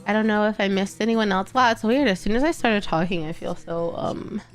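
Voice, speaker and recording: Talking a little fast, this young Texan streamer chats to her live audience in a congested, nasal, medium-pitched voice, wandering off topic and fixing her own words. Soft music plays in the background.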